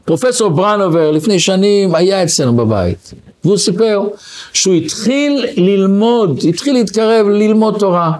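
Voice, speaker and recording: A man, a rabbi, giving a Torah lesson full of stories, acting out the voices of the people in them. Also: high-pitched. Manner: animated storyteller who acts out quoted voices.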